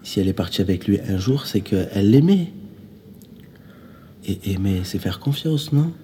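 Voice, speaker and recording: An actor playing a friend who gently coaxes and reassures a grieving man in a radio drama. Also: lowish voice, animated, normal speed, a little hiss or hum, natural voice. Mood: soothing. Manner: gentle, coaxing.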